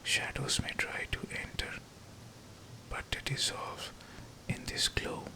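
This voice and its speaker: Slow whispered pep talk from a man. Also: sharp tone, rough recording. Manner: whispering throughout, slow and deliberate with short phrases. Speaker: guided affirmation narrator.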